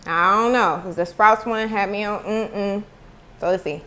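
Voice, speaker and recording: Her voice is sharp in tone, medium in pitch and unhurried as this food vlogger talks casually through a review. She records at home on earbud headphones and refers to her viewers as "y'all."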